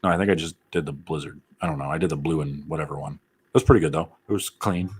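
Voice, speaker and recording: Low husky-voiced man chatting live. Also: quick pace. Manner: rambling, jokey, reads viewer comments aloud. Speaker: bowling channel host answering live chat. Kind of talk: casual live Q&A chat.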